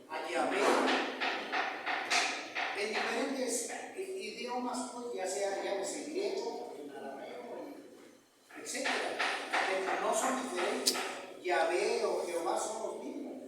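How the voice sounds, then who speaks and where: A man delivers a sermon in a church hall, throwing questions out to his congregation and checking that they follow him. He sounds distant from the microphone, with a long, roomy reverb. Steady background noise runs under his voice. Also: high-pitched. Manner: call-and-response questions, checks understanding with "¿verdad?" and "¿me explico?". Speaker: preacher. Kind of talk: sermon to a congregation and online viewers.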